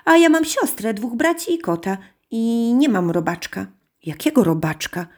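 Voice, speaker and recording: A naive little girl chatters in a high, bright voice, as a woman reading a storybook puts her on. She trips over big words with childish innocence. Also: lively intonation, normal speed. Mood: chatty.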